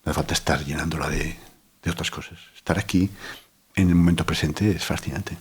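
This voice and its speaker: Deep husky-voiced man. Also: steady tone, brisk. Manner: reflective, many "¿no?" tags and restarts. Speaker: psychiatrist guest. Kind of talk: calm explanatory interview talk.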